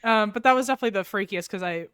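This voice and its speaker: Woman guest with teasing quick asides, medium voice, dry sound. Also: medium pitch, fairly bright tone, smooth, no room sound. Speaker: podcast guest. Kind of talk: casual chat.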